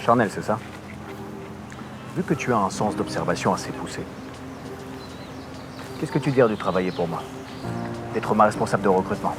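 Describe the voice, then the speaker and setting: An actor playing a shady, guarded Russian boss in a web drama, with a Russian accent and a halting, hesitant manner. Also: male voice, on the low side, animated, music in the background, close to an everyday voice. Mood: persuasive. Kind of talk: naturalistic screen drama dialogue. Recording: noisy location recording.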